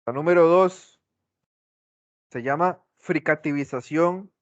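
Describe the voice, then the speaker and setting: Slow-talking male teacher, dull lo-fi sound. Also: a little high, no echo. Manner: asks the class questions and repeats examples. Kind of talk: class lecture. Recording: dull lo-fi recording.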